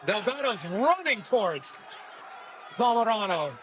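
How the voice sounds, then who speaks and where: Very high-pitched male fight commentator, crowd roaring. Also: big pitch swings, measured pace, slight background noise. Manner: jokey colorful comparisons. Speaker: boxing play-by-play commentator. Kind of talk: live conversational fight commentary. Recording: muffled mic in loud crowd. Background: loud fight crowd.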